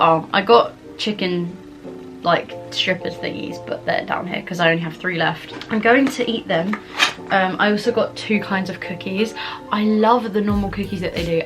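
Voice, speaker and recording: A young adult woman with a southern English accent chats casually in a rambling, informal mukbang vlog. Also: medium pitch. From England, Kent. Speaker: vlogger answering viewer questions.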